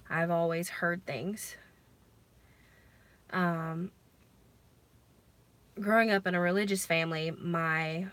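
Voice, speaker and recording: An American woman chatting casually on a livestream in a halting, conversational way with some emphasis. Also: lowish voice, a bit bright. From lives in Alabama, United States. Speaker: livestream host. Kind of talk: casual livestream chat about personal experiences.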